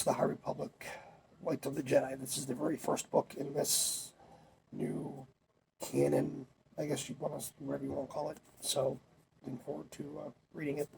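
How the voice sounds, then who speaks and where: A young male vlogger chats casually, a little congested as he gets over a cold, rambling with fillers and restarts. His fairly high voice is gravelly and a little mellow, on poor audio with a little hiss or hum.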